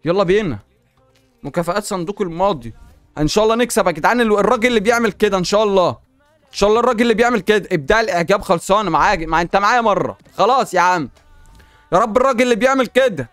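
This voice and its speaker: A man with an Egyptian Arabic accent giving excited commentary while opening packs in a video game, exclaiming and talking back to the game. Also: sits high, rapid-fire, no echo, soft background music. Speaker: gaming YouTuber.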